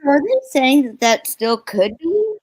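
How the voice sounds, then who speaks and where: A woman calling in to a live stream and asking hesitant, halting questions while her call audio breaks up and cuts out. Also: sits high, very animated, a little mellow, no echo, rough recording. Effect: call audio breaking up and cutting out.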